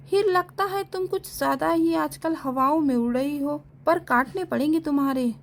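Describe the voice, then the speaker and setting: Woman voicing a strict young male professor, curt and commanding, high voice for a man, storybook reading. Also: normal speed, creaky. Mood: cold. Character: stern young male university lecturer.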